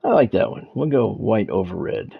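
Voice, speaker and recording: Husky and gravelly, on the low side, his voice has a sing-song lilt at a moderate pace. He's an American game streamer doing sports commentary and casual chat, wry, informal, and self-deprecating. The recording has a dull, lo-fi mic quality.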